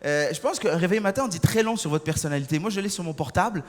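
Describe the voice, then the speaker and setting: Rapid, high-voiced comedian. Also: male voice. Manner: animated, bursts into shouted impressions. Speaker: stand-up comedian. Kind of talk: stand-up comedy set. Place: large theater stage. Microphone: stage microphone. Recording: reverberant hall, faint audience noise.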